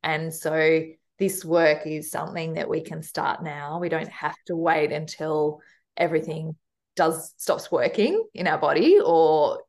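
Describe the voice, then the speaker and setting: Low-voiced woman podcast host. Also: a little slow, a little mellow. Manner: reflective, summarizing. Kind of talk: podcast interview.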